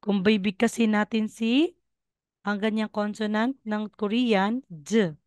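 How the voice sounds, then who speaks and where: A woman's voice: medium pitch, fairly even intonation, takes it slowly, darkish tone, dry recording. A woman from the Philippines teaching Korean over a video call, patiently coaching students and repeating sounds. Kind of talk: online class teaching.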